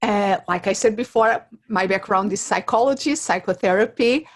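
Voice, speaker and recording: As an interview guest, a middle-aged career coach talks at normal speed in a medium-pitched voice shaped by a Portuguese accent. She explains her points in a conversational way, using examples and personal anecdotes.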